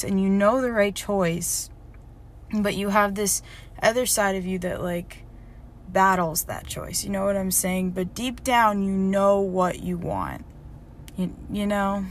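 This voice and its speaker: A young woman records a candid diary-style vlog, reflective and emotional, rambling with lots of fillers and self-corrections. Her voice is mid-range, with a little hiss or hum on the recording.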